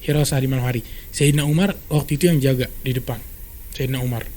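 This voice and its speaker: A man telling a story in a casual podcast chat, brisk and animated, acting out quoted dialogue. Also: medium pitch, a little hiss or hum. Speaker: storyteller guest.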